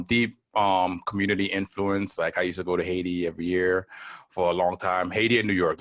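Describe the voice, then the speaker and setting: A man from Miami, a podcast guest talking in a relaxed, chatty way, often checking in with a quick "right?". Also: low-pitched. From Miami, United States. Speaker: guest, entrepreneur. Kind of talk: casual interview chat.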